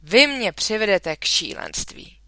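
A woman's voice: a little high, animated, pushed and bright, clear, resonant tone, no room sound, voice pushed up. A woman reading a children's story aloud, voicing an exasperated, blustering father. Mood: furious.

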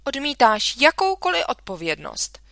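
A woman's voice: high-pitched, big pitch swings, fairly bright tone, no echo, voice pushed up, full character voice. A woman reading a children's story aloud, voicing an indignant, scolding mother in a dry room. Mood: accusing.

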